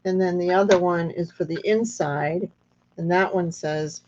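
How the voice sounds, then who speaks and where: Female craft host, reedy and squeaky yet lowish in pitch, unhurried, thinking out loud, dull lo-fi audio. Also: steady tone, a little hiss or hum. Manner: unhurried, thinking aloud with pauses. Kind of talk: casual hands-on craft demonstration. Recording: dull lo-fi sound.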